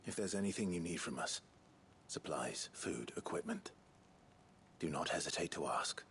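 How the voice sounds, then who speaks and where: An actor playing a gruff but kindly warrior in a video game cutscene, hushed and unhurried, with a gravelly, breathy voice over music. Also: male voice, low voice, lively intonation, a little hiss or hum. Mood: earnest, hushed. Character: gruff but kindly male warrior, dry-humoured, earnest. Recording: music behind the voice.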